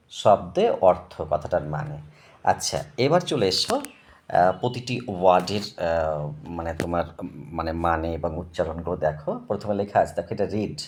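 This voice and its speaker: A man teaches young pupils English words in a recorded lesson. His pitch rises and falls a great deal as he explains each term with patient repetition. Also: a little mellow. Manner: patient, repeats words and checks with "okay?". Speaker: tutor.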